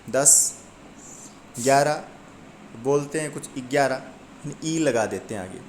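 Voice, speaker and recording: In a step-by-step Hindi grammar class for exam takers, a man asks himself questions, answers them, and reads through lists of number words. His voice is medium-pitched, with slight background noise.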